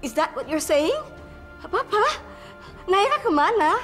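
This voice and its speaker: A wealthy mother thrown into panic, her voice high and bright. She is dramatic and throws English exclamations into her speech, with soft music underneath in this TV drama. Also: very animated, moderate pace, full character voice. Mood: panicked. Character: wealthy mother frantic over her missing daughter. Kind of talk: TV drama acting.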